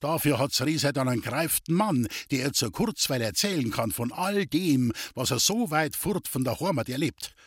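A man's voice: fairly high pitch, lively intonation, normal speed, hardly any pauses, husky, no room sound. A man voicing a good-natured old farmer and proud father with a Bavarian accent, talking in a rambling way. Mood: reminiscing. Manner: warm-hearted, rambling.

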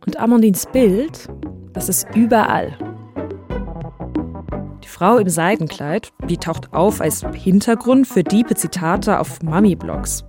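Taking it slowly, a podcast host shares a scripted story in a chatty narrating manner while music plays behind her. Her mid-range voice carries lively intonation.

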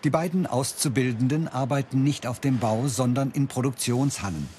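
A man delivering clear, measured scripted narration for a documentary. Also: mid-range voice, noisy background.

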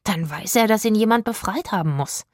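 A woman's voice: mid-range voice, expressive, a little fast, no room sound, clean studio sound, pitched above the performer's own voice, lightly acted. A woman voicing a thoughtful young boy stowaway in an audiobook, reasoning things out. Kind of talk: audiobook narration.

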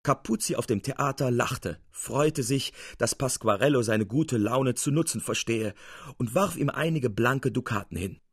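A man narrating an audiobook in a measured, expressive reading. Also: medium pitch, breathy edge, dry recording, studio quality, soft background music.

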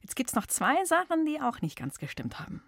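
A woman's voice: high voice, wildly swooping pitch, fairly quick, a bit bright, dry recording, clean studio sound. A woman hosting a children's radio quiz, upbeat and encouraging while she chats with callers.

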